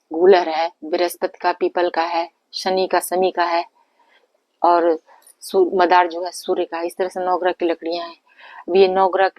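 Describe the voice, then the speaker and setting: A woman's voice: lowish voice, no echo. A woman explains a home ritual step by step, repeating herself and restarting her sentences as she instructs. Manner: repetitive, instructive, restarts and self-corrections. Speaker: astrology and remedy presenter. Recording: dull lo-fi, dry close sound.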